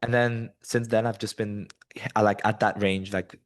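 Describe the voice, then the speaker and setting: A low, easygoing voice at a moderate pace comes from a Colombian man in his twenties, a business student appearing as a guest. He thinks aloud through casual interview answers, relaxed and rambling, with lots of ums and you-knows.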